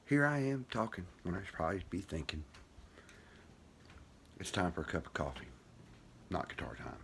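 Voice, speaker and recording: This guitar vlogger is a deep-voiced, toothless older man whose soft-edged diction carries a sing-song lilt at normal speed. His casual, wandering vlog talk is folksy and pokes fun at himself. Background noise and room ambience come through clearly.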